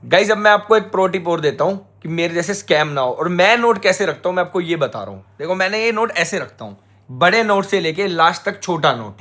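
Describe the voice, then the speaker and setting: A young man, a travel vlogger telling the viewers a story in animated casual chat. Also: high-pitched.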